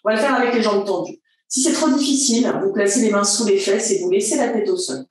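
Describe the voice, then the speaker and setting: A woman's voice: on the high side, fast. A woman leading a pilates class, giving cheerful, encouraging cues, counting repetitions aloud and laughing often. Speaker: pilates instructor. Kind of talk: guided workout instruction. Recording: very echoey room, mic at a distance.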